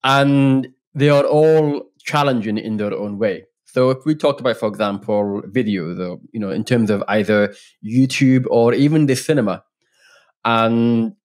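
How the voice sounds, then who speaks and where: Guesting on a casual podcast interview, a Northern Irish man in his thirties talks openly and earnestly, frequently restarting. His medium-pitched voice has a darkish tone, and his accent combines Northern Irish, Scottish and English. He records in a home room lined with bookshelves, using headphones and a studio microphone on a boom arm.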